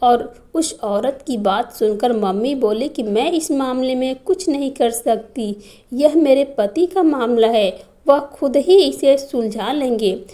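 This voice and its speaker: Slow, high-voiced woman narrating a story. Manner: slow, even reading of a family drama. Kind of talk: first-person scripted story narration.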